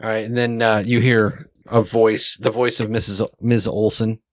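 A man's voice: lowish voice, level tone, normal speed, no room sound. A man running a tabletop game as game master, narrating with many fillers and putting on voices for the characters.

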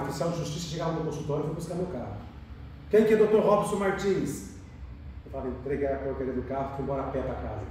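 Fast-talking Brazilian man, echoey room. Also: on the high side, slight background noise. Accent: Brazilian Portuguese. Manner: rapid, animated, repeats phrases and acts out dialogue. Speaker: podcast guest telling his life story. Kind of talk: emotional personal storytelling in conversation. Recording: echoey room, distant mic.

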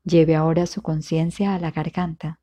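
A low-pitched woman instructs a guided meditation, her directions calm, soothing and measured, with long pauses in between.

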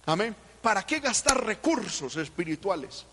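A man preaching a sermon in with great fervor, swelling to shouts and then dropping low, often calling out "hermano" and "aleluya". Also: very animated, moderate pace, long reverb tail, background noise.

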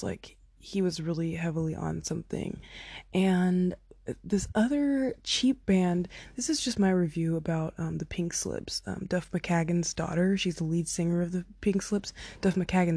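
A woman's voice: on the low side, creaky, warm tone, breathy edge, no room sound. A young woman telling a long concert story into her phone, chatty and full of "like" and "oh my God", acting out what people said. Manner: chatty, lots of "like" and "oh my God", acts out quotes. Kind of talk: casual storytelling.

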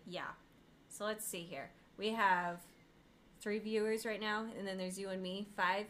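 A young woman co-hosting a casual podcast chat, wry and deadpan, often laughing at her own awkwardness. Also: mid-range voice, unhurried. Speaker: podcast co-host.

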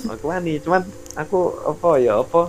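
A man's voice: a little high, quick pace, faint music behind. Chatty young man with a Javanese accent. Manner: animated, laughs often, trails off searching for words. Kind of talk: casual chat.

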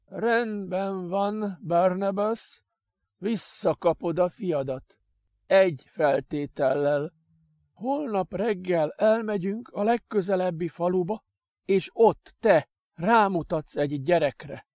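A man voicing a bitter, scornful young master who is already dying, shouting his lines slowly and with contempt. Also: high-pitched, no echo, studio quality, pitched above the performer's own voice. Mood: cold, commanding.

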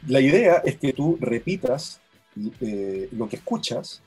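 A man's voice: medium pitch, very animated, measured pace, darkish tone, slightly rough, faint music behind. A man, an app co-founder, patiently explaining how a product works in a demo.

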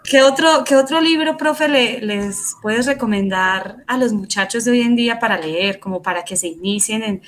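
A woman's voice: a little high, normal speed, few pauses. A woman interviewing a teacher, talking in a reflective, conversational way and asking follow-up questions.

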